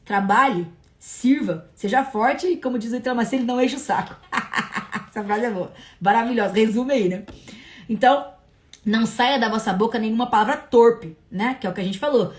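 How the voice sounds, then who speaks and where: A woman from hosting a casual livestream Bible study, talking in an animated, chatty way. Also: on the high side, brisk. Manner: animated, chatty, breaks into laughs. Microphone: livestream mic.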